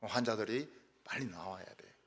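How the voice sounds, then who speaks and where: An older man preaching a sermon as pastor, telling stories with lively asides and mimicking how people quarrel in regional dialects. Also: lowish voice, moderate pace. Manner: animated storytelling, acts out quarrels in regional dialects. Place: church sanctuary. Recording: reverberant church hall.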